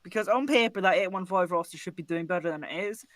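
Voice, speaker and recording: Man, high voice, bright and forceful, dry close sound, animated, swears, casual podcast chat. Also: fast, no room sound. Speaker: podcast co-host.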